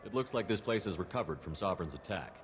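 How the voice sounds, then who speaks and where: Give me a sarcastic deep-voiced commander. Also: male voice, expressive, fast talker, a little hiss or hum. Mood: blunt. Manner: sarcastic, confrontational. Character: blunt abrasive male soldier commander.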